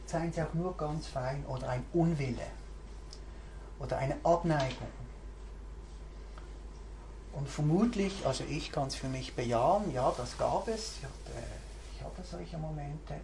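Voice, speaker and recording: Thinking aloud before a group, a female mindfulness teacher delivers a searching, reflective talk in a low, mellow voice. She speaks a little slowly and pauses often, captured in a roomy recording with faint hiss.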